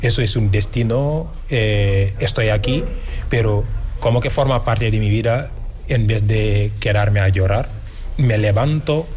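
A man who heads an association answers interview questions in a formal, explanatory tone. His voice sits low, and faint noise hums in the background. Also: measured pace, darkish tone. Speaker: association leader.

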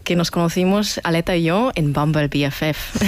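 A woman of half German, half Vietnamese origin, a guest on a radio interview, speaking warmly and from the heart with small restarts. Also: on the low side, measured pace, no echo. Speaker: event organizer, guest.

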